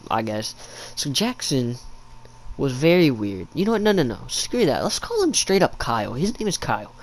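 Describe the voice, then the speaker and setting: A young adult man rambling through a casual, slangy storytime as a YouTube storyteller, recorded in a living room at home. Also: mid-range voice.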